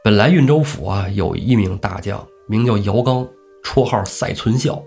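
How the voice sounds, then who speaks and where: A man telling a classic tale on a casual storytelling podcast, acting out the characters' lines with lively energy. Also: fairly low pitch, moderate pace, gravelly, faint music behind. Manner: lively, acts out characters' shouts. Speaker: storyteller host.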